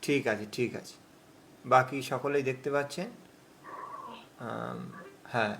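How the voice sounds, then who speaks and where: A man teaching an online recitation class over a video call, patient and explaining slowly, drawing out words as he recites. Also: medium pitch, fairly even intonation, vocal fry, a bit bright, slight background noise.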